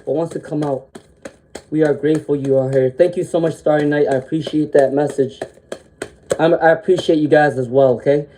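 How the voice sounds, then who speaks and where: Slight background noise sits behind a tarot reader on a live stream, who has a cold and keeps sniffling. Her mid-range voice moves a little fast with fairly even intonation, and she reassures gently, often saying "um" and tagging "okay?" onto her sentences to check in.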